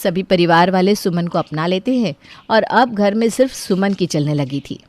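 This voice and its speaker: A woman narrating a scripted storybook tale in a clear, expressive way. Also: on the low side, normal speed, dry recording.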